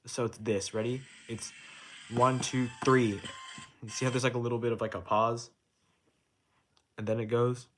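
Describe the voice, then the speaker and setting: A young man talks through how to play a rhythm game chart in a casual tutorial, counting note timings out loud and swearing in passing as he restarts his sentences. His mid-range voice stays level and fairly quick, with frequent pauses. Rhythm game music plays, and there is slight background noise.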